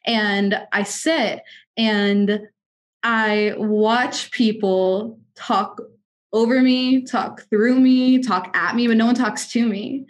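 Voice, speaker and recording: Slow and fairly even in intonation, her voice sitting on the high side, this twenty-year-old from Kansas City, United States recounts her path as a music artist and executive. The interview is candid and conversational, and she stresses her points earnestly and articulately.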